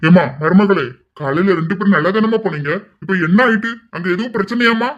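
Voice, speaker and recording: A woman's voice: medium pitch, brisk, muffled recording, natural voice. A woman voicing a stern but caring middle-aged father in an audio drama, speaking in an insistent, questioning way. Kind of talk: amateur audio drama acting.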